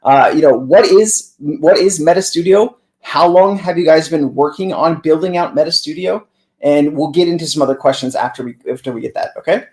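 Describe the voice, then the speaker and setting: A man's voice: on the high side, a little fast, darkish tone. A man hosting a crypto livestream interview in an informal, stammering tech bro manner. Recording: echoey, roomy sound.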